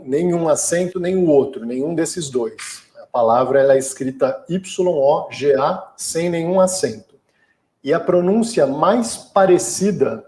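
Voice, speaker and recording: A man's voice: on the high side, dark tone. Brazilian man explaining, echoey room. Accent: Brazilian Portuguese. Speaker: yoga teacher. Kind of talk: casual lecture Q&A.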